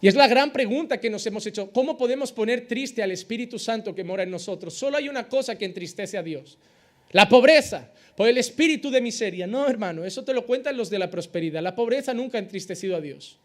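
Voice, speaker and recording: A man preaching a sermon as pastor, swinging between loud emphatic rises and quiet drops, with rhetorical questions and acted-out exchanges. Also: high-pitched, lively intonation, fast talker, hardly any pauses.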